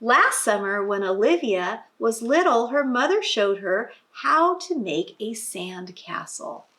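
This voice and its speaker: A slightly high, somewhat bright female voice, very animated and slow, reads a picture book to young kids. She works in teacherly explanations and questions for the children throughout the expressive reading.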